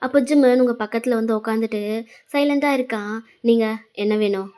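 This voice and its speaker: Brief: female storyteller, second-person fan fiction narration, mellow voice, a bit high. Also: steady tone, fairly quick, clean tone. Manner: addresses the listener as the heroine.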